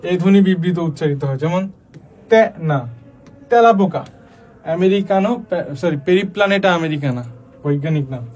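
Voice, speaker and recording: A man's voice: on the high side, a little mellow. A male teacher giving an exam-prep lesson, explaining step by step and often asking the class questions.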